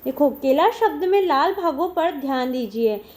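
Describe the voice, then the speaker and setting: A woman's voice: high voice, animated, normal speed, darkish tone. A woman teacher giving a primary school lesson to children, speaking patiently and spelling out sounds one by one. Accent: Indian Hindi. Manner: often says "dekho", addressing children.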